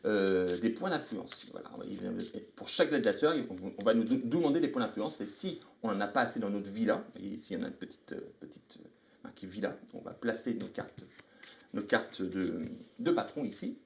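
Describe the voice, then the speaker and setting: A man's voice: on the low side, animated, brisk, creaky. A man hosting a live stream, casually explaining board game rules while thinking aloud and greeting viewers. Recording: echoey room.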